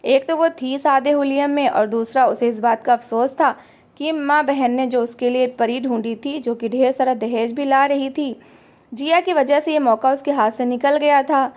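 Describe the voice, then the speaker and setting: A woman reading a family drama aloud as a storyteller, in steady scripted narration. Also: sits high, moderate pace.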